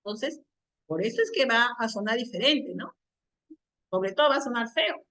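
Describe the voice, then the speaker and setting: A woman with a high, bright voice gives a classroom grammar lesson. She explains patiently, checks in with short questions and drags out the examples she wants students to hear. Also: expressive. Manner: slows down to stress quoted examples. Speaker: teacher. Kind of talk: classroom lesson on Spanish usage.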